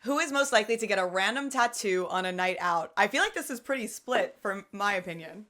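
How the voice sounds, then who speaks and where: A woman's voice: medium pitch, lively intonation, fairly quick, a bit bright. A woman hosting a casual live interview, upbeat, reading out questions. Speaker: interview host.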